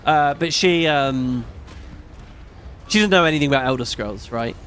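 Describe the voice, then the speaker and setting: On his live stream, a middle-aged British man chats casually, rambling and swearing without much thought. His voice sits fairly high and isn't macho, with a slightly bright tone at a normal pace, and there's a little hiss or hum in the audio.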